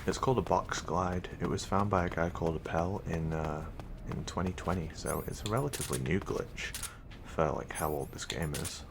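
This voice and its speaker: A man's voice: low voice, normal speed, gravelly, few pauses, background noise. A man with an English accent commenting casually while streaming a speedrun, rambling with fillers and restarts.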